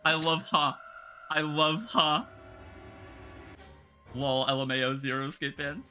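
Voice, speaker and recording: A man streaming a video game, reacting excitedly, swearing and reading the text aloud. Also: a little high, a little fast, faint music behind. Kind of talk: casual game stream commentary.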